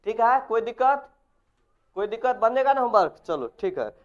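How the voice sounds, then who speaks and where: A man's voice: very high-pitched, lively intonation, moderate pace, lo-fi sound. A male physics teacher, giving a classroom lecture and quizzing his students. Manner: instructive, assigns homework and quizzes the class with repeated questions.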